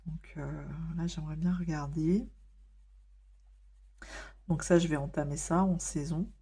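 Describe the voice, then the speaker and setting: A woman with a somewhat low voice talks casually to her viewers while she colors at home. She fills her sentences with hesitant fillers and often stops to restart a thought. Her tone is wry and easygoing. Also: steady tone, measured pace, dark tone, husky. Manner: chatty, many hesitations and fillers. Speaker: vlogger.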